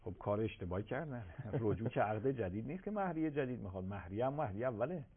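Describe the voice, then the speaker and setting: A man, a religious scholar answering viewers' questions on a live call-in program, emphatic and swinging between loud and soft. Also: medium pitch, lively intonation, breathy edge. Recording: tinny phone-like broadcast audio.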